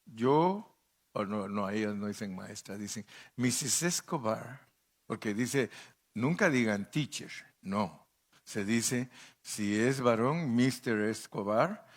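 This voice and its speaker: An older man preaching a sermon as pastor, telling folksy stories and acting out the people he quotes. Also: fairly low pitch. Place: church.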